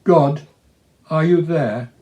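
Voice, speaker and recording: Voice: medium pitch, slow, mellow, close to an everyday voice. A performer's earnest, worried storybook patriarch. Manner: earnest, pleading. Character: worried pleading old patriarch Mister Noah. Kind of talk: storybook character voice.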